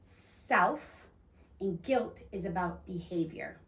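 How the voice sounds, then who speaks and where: A woman's voice: fairly low pitch, takes it slowly, fairly bright tone. Woman host, earnest explainer, casual restarts, roomy echo, sits back from the mic. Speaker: podcast host. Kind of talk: casual faith-based discussion. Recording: echoey room, mic at a distance.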